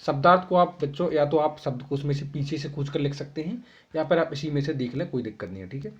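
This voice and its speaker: A young male teacher with a slightly high voice talks students through their homework answers. He reads each question aloud, then dictates the answer slowly, often checking in with "ठीक है". The recording is dull and lo-fi. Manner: repeats "ठीक है" as a constant check-in. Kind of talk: explaining homework answers to children. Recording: dull lo-fi sound.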